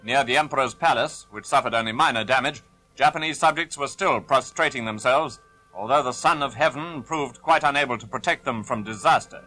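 A man's voice: mid-range voice, a little fast, pushed and bright, faint music behind, rough recording. A man narrating an old 1940s newsreel in a formal, stern, declaiming manner, played back from an archive soundtrack. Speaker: newsreel announcer.

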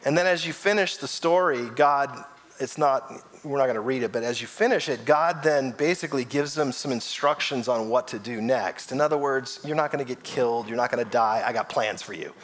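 A man's voice: medium pitch, a little fast. A man, a lead pastor, preaching a sermon in a conversational way and acting out the voices in the story. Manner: grows loud and emotional telling his own story.

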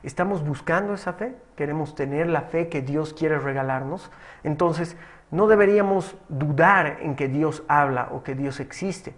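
Man preaching a sermon, higher voice. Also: moderate pace. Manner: tells a story with quoted dialogue, then exhorts with repeated phrases.

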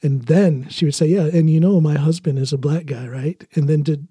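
With a brisk pace and a mellow, slightly rough voice pitched a little high, a man from the United States hosts a podcast of casual talk and personal anecdotes. The recording has no echo.

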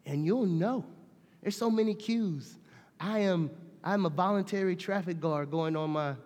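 A middle-aged pastor with a fairly high voice preaches in a church whose long reverb trails every phrase. He talks like he's chatting with friends, sinking low and soft, then surging loud and lively. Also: a little slow. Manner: conversational, swings from quiet to loud and animated. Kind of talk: sermon. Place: church sanctuary.

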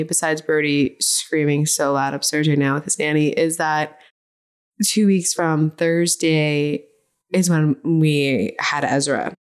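A podcast host with a low, raspy voice who sounds worn out and a little short of breath. She talks in a loose, chatty way, wandering off and restarting her sentences as she goes. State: tired, winded. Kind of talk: solo podcast intro then casual chat.

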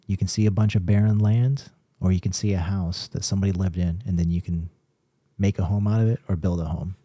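A man co-hosting a paranormal podcast, explaining his views in a measured casual way with restarts. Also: sits low, fairly even intonation, dark tone, slightly rough, dry recording. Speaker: podcast co-host, paranormal investigator. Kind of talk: casual chat.

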